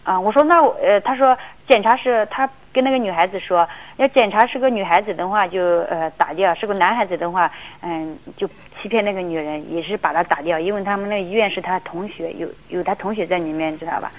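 A woman's voice: medium pitch, fast, hardly any pauses, poor audio. A woman calling an advice radio show, telling her story in a rambling, emotional way and often repeating herself. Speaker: caller.

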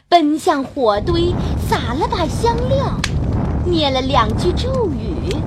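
A woman narrating a children's fairy tale in a slow, sing-song, expressive way. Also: very high-pitched, heavy background noise. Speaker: storyteller. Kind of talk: scripted children's story narration. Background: loud children's music.

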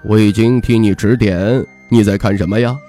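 A man voicing a teasing, sly middle-aged male monk who talks in a slow, mock-serious drawl. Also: fairly low pitch, fairly even intonation, mellow, soft background music, pitched below the performer's own voice, natural voice. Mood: scolding.

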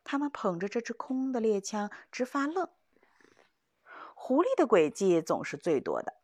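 A woman narrating a children's story, expressive and slowing down for suspense. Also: on the high side, no echo.

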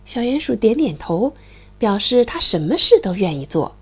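A woman narrating a children's storybook in an expressive, sing-song way. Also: a little high, moderate pace, breathy edge.

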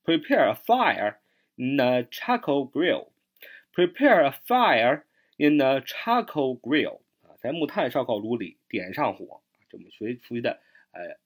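A man teaching English vocabulary in a recorded lesson, spelling out words letter by letter and repeating them slowly. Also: medium pitch, slightly rough.

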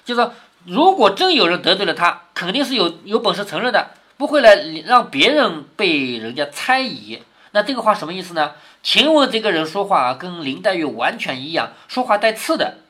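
A man's voice: high voice, sing-song, fairly quick, sharp tone. A man reading a classic novel aloud to his daughter, explaining it with lots of rhetorical questions. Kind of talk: storybook reading with commentary.

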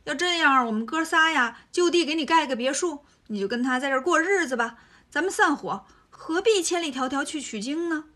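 A woman's voice: high-pitched, lively intonation, brisk, sharp tone. A woman voicing a cocky, clever male monkey hero who teases his master. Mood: cheeky.

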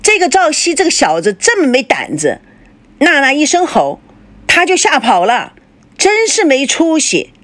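A woman's voice: medium pitch, very animated, unhurried, a bit bright, no echo. Woman voicing a coaxing, blustering middle-aged dad. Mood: grumbling. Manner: coaxing, sing-song, grumbling.

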